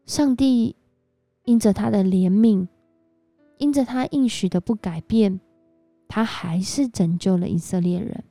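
A woman giving a devotional sermon, telling a story in a lively way with frequent exclamations. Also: mid-range voice, a little slow, pauses often, no room sound. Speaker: church speaker. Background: faint background music.

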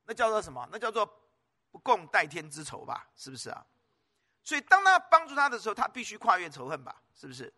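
A fast-talking male pastor preaches with a sing-song, high, bright voice that rises and falls. Pressing his points forcefully, he repeats words and questions the congregation again and again.

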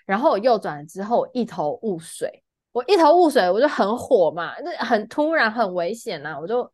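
Podcast co-host, a woman with a Taiwanese accent; animated, wide-ranging voice, dry close sound. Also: medium pitch, normal speed, no echo. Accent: Taiwanese Mandarin. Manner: animated storytelling, loudly acting out shouting passengers. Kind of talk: casual chat.

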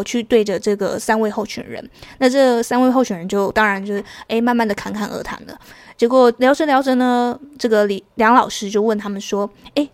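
A woman's voice: on the high side, darkish tone, dry recording. A woman with a Taiwanese Mandarin accent hosting a casual solo podcast, chatty and storytelling, with many fillers. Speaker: podcast host.

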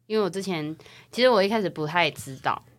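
A young woman from Taiwan, co-hosting a casual podcast chat and telling personal stories in a chatty, animated way. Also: on the low side, fast. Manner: chatty, animated storytelling with rising excitement. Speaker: podcast co-host.

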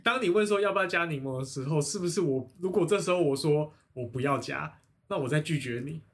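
A man co-hosting a casual podcast, retelling scenes in an animated storytelling way. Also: fairly high pitch, fast talker. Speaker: podcast co-host.

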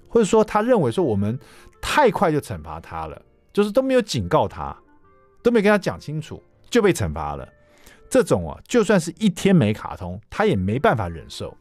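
Animated Taiwanese storyteller dad. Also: male voice, medium pitch, dry recording. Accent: Taiwanese Mandarin. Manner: animated storyteller, acts out quotes. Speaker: cookbook author guest. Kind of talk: anecdotal radio interview talk.

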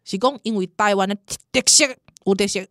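A woman's voice: mid-range voice, a little fast, no echo. A pregnant woman in her thirties with a Taiwanese accent, co-hosting a casual podcast chat, telling stories with lots of laughter and switching into Taiwanese. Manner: laughs often, animated storytelling, slips into Taiwanese. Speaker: podcast co-host.

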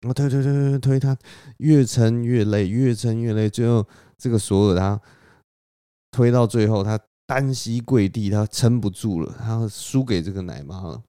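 A man's voice: on the low side, moderate pace, warm tone, clear, resonant tone, no echo, studio quality. A man hosting a podcast, retelling a myth in a casual, conversational way with repetitions and spoken sound effects. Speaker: podcast host.

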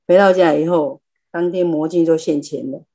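A woman tells a personal story in a chatty, self-deprecating way. Her voice is fairly low and mellow. She speaks over a video call. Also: steady tone, moderate pace. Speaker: lay practitioner sharing. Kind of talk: personal testimony in a group class.

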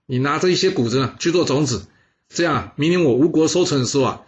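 A man's voice: on the high side, fast talker, highs cut off, natural voice. A man doing a smug, gullible king. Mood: self-satisfied. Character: gullible, self-assured king, easygoing.

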